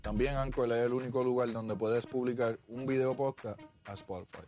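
Man co-host over clear music. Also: medium pitch, moderate pace. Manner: energetic, mixes Spanish and English. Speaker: podcast co-host. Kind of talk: casual chat and ad read. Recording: music bed behind the voice.

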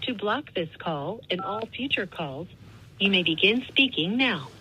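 A woman's voice: medium pitch, unhurried, breathy edge. A woman's recorded voice giving an automated prison phone call message, played as part of an intro. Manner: flat recorded announcement. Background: hip hop music.

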